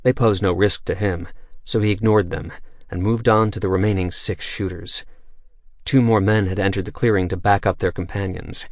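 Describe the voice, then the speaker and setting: Deep-voiced male audiobook narrator. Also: fairly even intonation, moderate pace, dry recording, studio quality. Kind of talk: scripted narration. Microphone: studio microphone.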